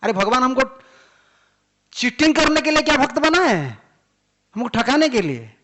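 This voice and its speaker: A man's voice: very high-pitched, very animated, moderate pace, bright, forceful tone. A swami giving an emphatic devotional sermon, firing off rhetorical questions and mixing English words into his talk.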